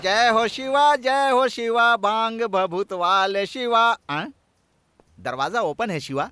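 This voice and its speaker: Dub: bossy comic henchman, higher-pitched, bright, loud insults. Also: unhurried. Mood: anxious. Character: brash comic male henchman, bossy and scheming. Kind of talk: Hindi film dubbing.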